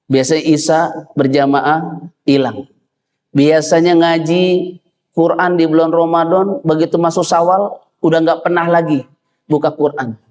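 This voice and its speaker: A man preaching a sermon, animated and lively, often jumping high in pitch to act out what others say. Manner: animated, leaps high when quoting and acting out figures. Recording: long hall reverb.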